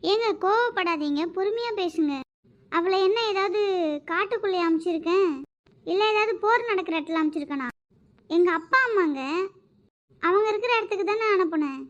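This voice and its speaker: A woman voicing a high, pleading cartoon mother. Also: brisk, pauses often, highs cut off. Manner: pleading, soothing, anxious. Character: worried pleading wife and mother.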